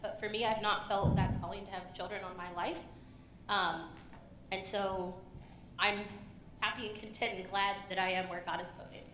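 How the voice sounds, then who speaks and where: A woman's voice: medium pitch, steady tone, normal speed, fairly bright tone, slight background noise. Thoughtful woman sharing on a church panel. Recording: echoey church hall.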